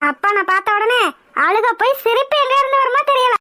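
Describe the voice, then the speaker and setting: Nervous cartoon nanny: a woman does a young servant girl, anxious and pleading, pitched very high. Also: fairly quick, bright, forceful tone. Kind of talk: village cartoon voice acting.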